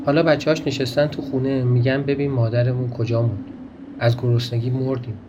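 Storybook role: a man doing a naive, soft-hearted grown man, pleading and tender, pitched a bit higher, dull lo-fi sound. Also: level tone, background noise, lightly acted. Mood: pitying. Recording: dull lo-fi recording.

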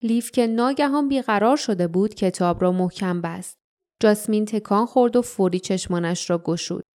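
Woman, audiobook narration, calm measured reading, mellow warm tone, mid pitch. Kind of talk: scripted narration.

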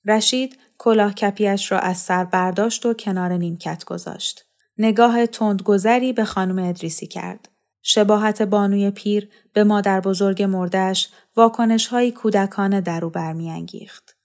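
A woman narrating a novel aloud, lifting her voice a little for the characters' lines, with soft music underneath. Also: medium pitch, steady tone. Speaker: audiobook narrator. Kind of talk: scripted novel reading.

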